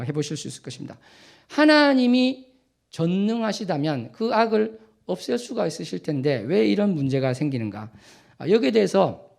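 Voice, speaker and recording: A male pastor preaching a sermon, asking rhetorical questions to the congregation with frequent drawn-out fillers. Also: high-pitched, vocal fry, a little mellow.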